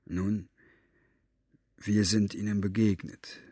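A man voicing a tired, serious father who speaks quietly and gravely. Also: on the low side, level tone, slow, no room sound, clean studio sound. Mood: weary. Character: weary, serious adult father. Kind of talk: audiobook character voice.

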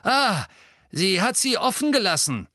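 A man's voice: high voice, very animated, very slow, sharp tone, no echo, studio quality, voice pushed up, full character voice. A man reading an audiobook, voicing a wheezing, spiteful old male caretaker who mutters to himself. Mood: hurried muttering.

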